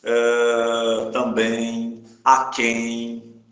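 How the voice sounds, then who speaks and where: A man's voice: mid-range voice, completely flat delivery, extremely slow, fairly bright tone. A man teaching a live class, who checks in with his students again and again. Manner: checks in often with the class, asking "tá?". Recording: echoey room.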